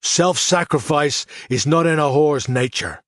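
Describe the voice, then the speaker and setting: A man's voice: mid-range voice, expressive, normal speed, no echo, close to an everyday voice. Guy voicing a crazed one-eyed assassin, mocking and theatrical, dry close audiobook sound. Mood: menacing.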